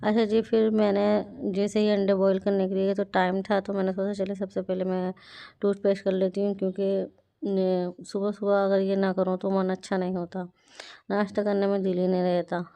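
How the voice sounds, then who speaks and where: A woman talking through her morning in a casual, homely home vlog. She tends to fill her pauses with little filler phrases. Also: mid-range voice, creaky, mellow, clear, resonant tone. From India. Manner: chatty, homely, fills pauses with "jo hai na". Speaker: vlogger.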